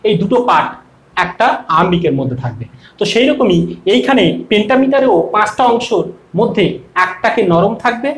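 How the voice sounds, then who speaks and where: A man's voice: sits high, animated, fairly quick, a bit bright. A man with a Bengali accent teaching a poetry lesson to students, sing-song and drawn out when he recites. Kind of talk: explaining a poem to students. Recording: echoey room.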